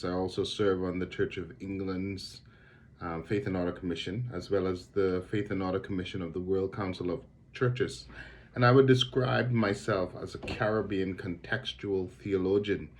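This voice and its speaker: A middle-aged man from the Bahamas, a theologian talking to camera about his work in a thoughtful, measured way, repeating words as he searches for them. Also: low voice, slight background noise. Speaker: theologian and lecturer.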